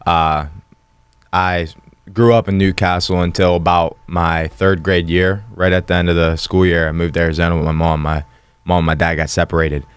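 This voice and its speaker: A man's voice: low voice, little pitch movement, moderate pace, clean tone, no room sound. A man in his twenties from western Pennsylvania, a guest telling his story in a plain, matter-of-fact way. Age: 20s. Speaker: guest, fighter. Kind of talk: casual interview.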